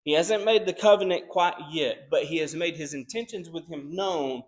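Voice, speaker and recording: Pastor guy preaching, earnest, keeps restarting his sentences, voice a bit high. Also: moderate pace. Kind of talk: sermon.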